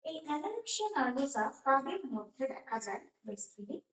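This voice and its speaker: A high-voiced woman teaches an online class through a computer mic. She lays out the lesson step by step and keeps turning to her students with questions. A heavy echo hangs over every word. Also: sing-song, fairly quick, recorded from a distance. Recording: echoey online class audio.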